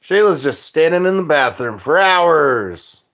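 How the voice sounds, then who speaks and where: Slow, rambling young man chatting. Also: mid-range voice, darkish tone. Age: young adult. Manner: rambling, loose, filler-heavy chat. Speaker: livestream host. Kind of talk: casual chat reading live comments.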